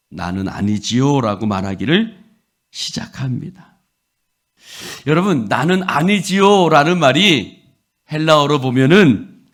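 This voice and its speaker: Man, pastor, dawn sermon; expressive, wide-ranging delivery, acts out quoted lines, fairly high pitch. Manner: acts out quoted disciples with rising intensity; leads the congregation in repeating lines.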